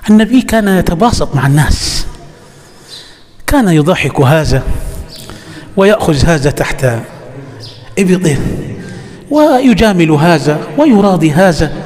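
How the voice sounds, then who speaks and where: A man's voice: a little high, big pitch swings, unhurried, pauses often, darkish tone. A man with an Egyptian accent preaching a storytelling sermon in a mosque, emphatic and slipping into colloquial asides. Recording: echoey mosque hall.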